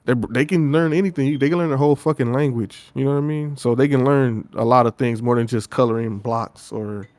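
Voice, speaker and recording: A man's voice: medium pitch, fairly quick, few pauses, a little mellow, dry recording. Hesitant man in casual chat. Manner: loose, hesitant, lots of uh and like. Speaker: podcast co-host.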